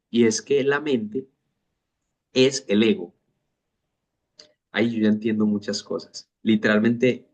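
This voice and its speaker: A man teaching a spiritual master class, explaining ideas in a measured, deliberate way. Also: on the low side.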